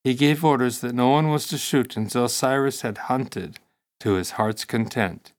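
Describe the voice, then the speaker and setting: A man narrating a classic text for an audiobook, in a steady, measured reading voice. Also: medium pitch.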